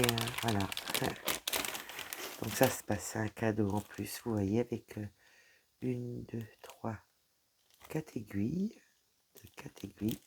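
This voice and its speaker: A woman's voice: a bass voice, mellow, slight background noise. A woman chatting casually through a crafting unboxing, talking straight to her viewers and leaning on fillers like "voilà". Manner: chatty, talks straight to viewers while handling items; frequent fillers like "voilà" and "donc". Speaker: crafting vlogger.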